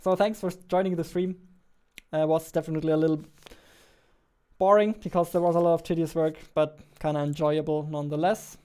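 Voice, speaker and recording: A game developer in his twenties streams from a small indoor room with a dark backdrop, chatting playfully and informally into a close studio mic on a boom arm. His high-leaning voice is dark, clear, and resonant, fairly quick, with fairly even intonation.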